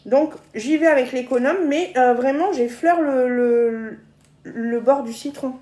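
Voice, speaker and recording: High-voiced chatty woman in an echoey kitchen. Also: measured pace, mellow. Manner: chatty, laughs often, stumbles and repeats words. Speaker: cooking demonstrator on a live stream. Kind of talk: live cooking demonstration, chatty. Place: home kitchen.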